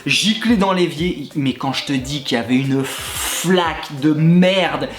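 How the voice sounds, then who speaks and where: Speaking slowly in a fairly high voice, a YouTuber who used to coach at a gym tells crude, funny stories directly to the viewer. He's animated and keeps bursting into laughter, and the echoey room carries faint background music.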